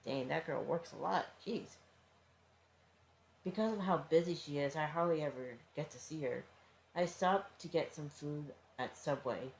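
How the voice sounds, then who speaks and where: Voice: medium pitch, measured pace, creaky. Casual fanfiction reader with stumbles. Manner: stumbles over words, adds casual asides and swearing. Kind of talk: casual first-person story reading. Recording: roomy with faint background noise.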